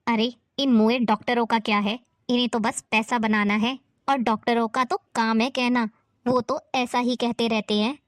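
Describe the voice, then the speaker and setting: A woman's voice: fairly high pitch, steady tone, normal speed, no echo, clean studio sound, close to an everyday voice. A woman playing an older mother-in-law who nags and taunts in a family drama. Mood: scolding. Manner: scolding, taunting. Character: nagging older mother-in-law, harsh and scornful.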